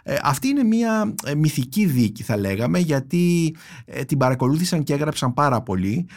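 A man reading a translated poem aloud in a measured, reflective way, then recommending books on his podcast with many thoughtful pauses and fillers. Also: fairly high pitch, very animated, darkish tone. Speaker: podcast host, book critic.

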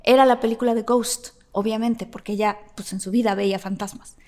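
Animated Mexican woman telling a story. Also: a little high, a little fast. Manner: animated storyteller with sound effects. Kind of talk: casual storytelling chat.

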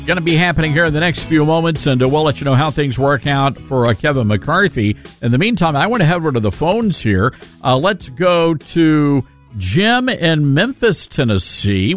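A male talk radio host giving folksy, conversational live commentary. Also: fairly high pitch. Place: dry radio studio.

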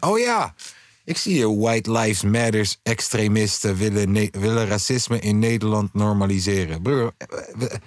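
A man's voice: on the low side, no echo, studio quality. A man, chatting casually in street slang with bits of English, as a rapper hosting a stream. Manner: slangy, drops English words. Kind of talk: casual chat.

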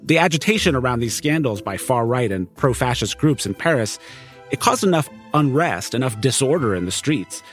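Animated man narrating over music. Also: medium pitch, moderate pace. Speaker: narrator and reporter. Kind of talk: conversational scripted podcast narration.

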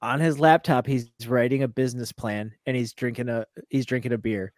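A man's voice: mid-range voice, steady tone, fairly quick, dry recording. A podcast co-host, a man with an ordinary mid-range voice. He tells his anecdotes dryly and with amusement. The recording is close and dry. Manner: wry, amused storytelling. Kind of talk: casual chat.

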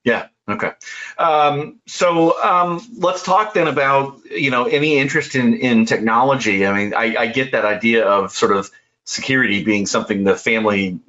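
A man's voice: mid-range voice, moderate pace, pushed and bright. Hesitant male podcast host, lo-fi sound. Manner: hesitant, many fillers and restarts. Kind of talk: interview conversation.

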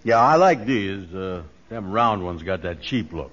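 A self-important, good-hearted bumbler in a 1940s radio comedy. His low voice is folksy and pompous. The recording is dull and lo-fi. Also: lively intonation, a little slow, a bit bright, exaggerated voice. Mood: self-satisfied. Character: pompous, dim, good-hearted male schemer.

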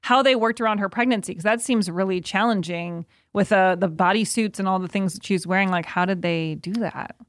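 A woman chats casually as a podcast guest, wandering through her thoughts with plenty of fillers and easy laughs. Her voice sits at a middle pitch. The sound is dry and close-miked. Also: fairly quick, hardly any pauses, no room sound. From United States. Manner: rambling, filler-heavy, laughs easily. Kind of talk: casual chat.

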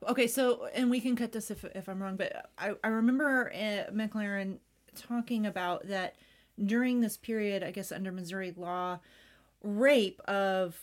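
A woman co-hosting a history podcast, asking questions in a halting way with frequent restarts. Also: mid-range voice, fairly even intonation. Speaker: podcast co-host. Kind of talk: casual history podcast discussion.

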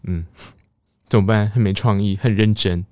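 A man in his thirties with a Taiwanese Mandarin accent, hosting a podcast and telling a story in a casual monologue, laughing and jumping up in pitch when excited. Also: dry recording, clean studio sound. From Tainan, Taiwan. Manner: animated, laughing, jumps high when excited. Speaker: podcast host.

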